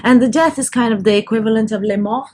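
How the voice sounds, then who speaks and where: Chatty woman reading tarot, slightly high voice. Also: fast, darkish tone, slight background noise. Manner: chatty, loose, with restarts and self-corrections. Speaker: tarot reader. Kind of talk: casual tarot reading to camera.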